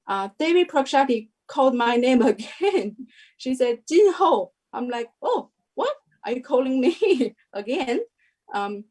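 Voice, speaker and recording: Young woman, slow and hesitant testimony, lots of ums. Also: mid-range voice, a little mellow, low-quality recording. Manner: hesitant, many fillers and restarts. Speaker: devotee sharing a testimony. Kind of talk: casual spoken testimony.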